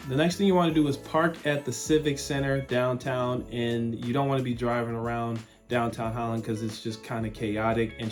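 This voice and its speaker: A man's voice: medium pitch, a little mellow. A man from West Michigan, the host of a local relocation channel, talking casually and upbeat to camera. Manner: chatty, upbeat, informal. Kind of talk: casual vlog talk to camera.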